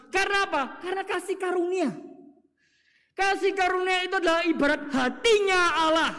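Male preacher, very high and animated, rhetorical questions, recorded in a reverberant church hall. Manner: rhetorical questions, swings from loud to hushed; acts out quoted voices in his stories. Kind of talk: sermon.

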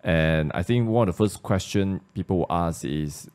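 A Malaysian man hosting a podcast, thinking aloud in a relaxed discussion and often repeating words as he works out his point. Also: sits low, normal speed, clean tone. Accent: Malaysian English. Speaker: podcast host. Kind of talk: casual discussion.

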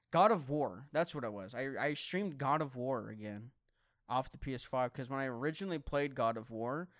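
A man's voice: mid-range voice, no room sound, clean studio sound. A young man streamer chatting casually to viewers, rambling and swearing, often stumbling over his words. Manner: rambling, profane, stammering restarts.

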